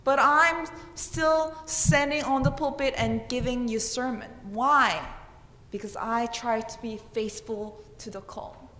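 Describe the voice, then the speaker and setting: A Korean-accented woman in her thirties, a pastor, preaches from a church pulpit with earnest, emphatic questions. Her voice sits on the high side, bright and pushed, and she takes her time. A pulpit microphone captures her in a roomy church with long reverb.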